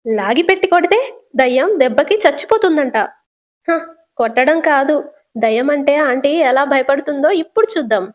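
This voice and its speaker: A woman's voice: high voice, lively intonation, moderate pace. A woman voicing a mischievous, bold young woman who loves pranks, in a teasing manner.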